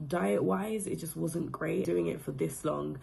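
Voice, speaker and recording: Low gravelly-voiced woman in her thirties. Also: a little slow, darkish tone. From Democratic Republic of Congo. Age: 30s. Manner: reflective, loose phrasing with many fillers. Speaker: coaching client giving a testimonial. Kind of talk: casual testimonial talk.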